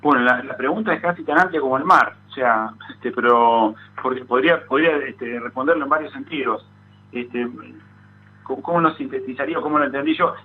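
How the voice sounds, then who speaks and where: A man with an Argentine accent, a psychologist guest giving thoughtful explanations in an interview, often pausing on "este". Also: mid-range voice, slightly rough. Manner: thoughtful, frequent "este" fillers. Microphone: phone call. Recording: tinny phone line with faint noise.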